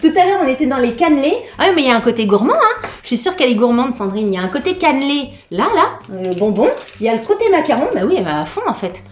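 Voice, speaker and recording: A fairly high-voiced woman chatting away in a casual unboxing, candid and gushing, tripping over her words as she goes. Her voice rings around an echoey room. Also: quick pace, a little hiss or hum. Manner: gushing excitement. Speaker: lifestyle vlogger.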